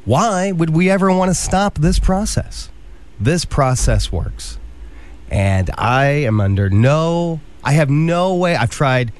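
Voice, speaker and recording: A man's voice: fairly high pitch, big pitch swings, slow. A man in his thirties, a radio show host, chatting casually and telling self-mocking stories. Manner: easygoing storyteller, self-mocking. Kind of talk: casual morning radio chat.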